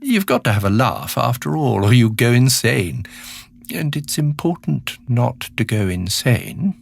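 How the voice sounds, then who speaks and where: An actor playing a decaying, skeletal alien villain in an audio drama monologue, charming, sinister and self-pitying, confiding in the listener with sardonic relish. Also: male voice, mid-range voice, very animated, creaky, exaggerated voice. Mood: aggrieved, gleeful. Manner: theatrical, confiding, sardonic, drawn-out menacing phrases.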